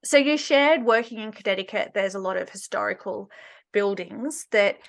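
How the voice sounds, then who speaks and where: A woman's voice: mid-range voice, moderate pace, creaky. A woman hosting an interview podcast, asking questions and explaining her points emphatically. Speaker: podcast host.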